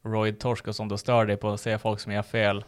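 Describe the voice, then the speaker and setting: Young man, casual podcast chat, animated storyteller, acts out quotes. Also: fairly low pitch, smooth.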